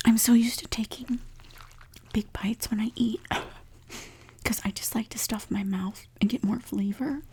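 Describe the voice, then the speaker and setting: A woman speaking in a soft, whispery ASMR voice, chatting casually and telling a story while she eats at home. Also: a little high, steady tone, breathy edge. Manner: whispery, soft and unhurried, with frequent small laughs. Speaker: ASMR creator. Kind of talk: soft-spoken ASMR mukbang.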